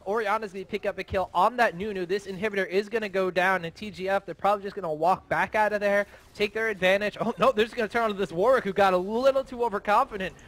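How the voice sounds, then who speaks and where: A high-pitched male caster calls a competitive video game match. He breaks down the teams' strategy in a steady, analytical way, with a clear, upper-register voice. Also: fast talker, hardly any pauses. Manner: steady analytical play-calling. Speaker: esports caster. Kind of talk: play-by-play commentary.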